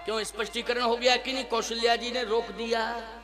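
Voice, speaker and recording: A man giving a devotional sermon, asking the listeners rhetorical questions and chanting verses slowly and emphatically. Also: very high-pitched, flat delivery. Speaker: kathavachak preacher. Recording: live music behind the voice. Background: musical instruments.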